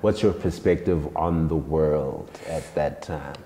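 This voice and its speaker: A man's voice: extremely low pitch, takes it slowly, mellow. A man hosting a casual interview, laid-back, with frequent short affirmations. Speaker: interviewer, host. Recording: echoey room with long reverb.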